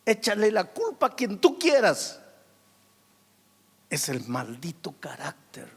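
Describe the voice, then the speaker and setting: A male pastor preaching a dramatic sermon, swinging from loud outbursts to hushed, soft passages. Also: high-pitched, huge pitch swings, takes it slowly, creaky, slightly rough. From Peru. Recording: long hall reverb.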